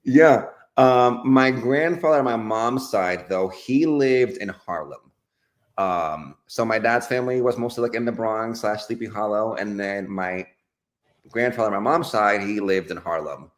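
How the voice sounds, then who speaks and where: A young man from the Dominican Republic answers interview questions with an earnest, upbeat warmth. His voice sits fairly low, his speech loose and chatty with fillers and little laughs. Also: a little slow. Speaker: life and business coach. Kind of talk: casual interview conversation.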